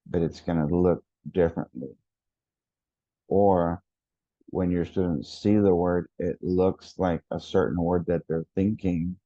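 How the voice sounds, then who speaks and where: A man giving a lesson to teachers, speaking deliberately and repeating key words for emphasis. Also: sits low, mellow, no room sound, muffled recording. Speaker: education consultant.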